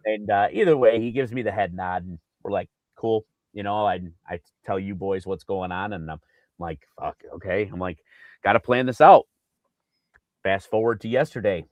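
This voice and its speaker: A man co-hosting a casual sports podcast, telling an animated story with lots of fillers and acted-out quotes. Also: deep voice, moderate pace, no room sound, highs cut off. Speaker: podcast co-host.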